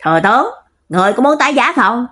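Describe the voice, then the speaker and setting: Hasty blunt general, quick, breathy voice, woman putting it on. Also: a little high, animated, a bit bright, voice pushed up. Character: blunt, loud male general.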